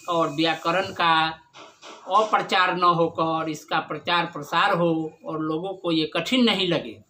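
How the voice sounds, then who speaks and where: A man teaching a class, telling a story about the origins of Sanskrit grammar in slow, deliberate speech and chanting Sanskrit verses between the explanations. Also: sits high, bright, forceful tone, slight background noise. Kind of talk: lecture on Sanskrit grammar lore.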